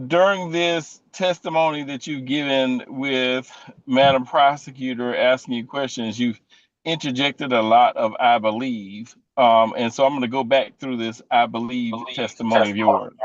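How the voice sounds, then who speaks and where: Slow, pointed man cross-examining. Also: medium pitch, dry recording. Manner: pointed, pressing, deliberate. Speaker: defense attorney. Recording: dull, dry lo-fi courtroom audio.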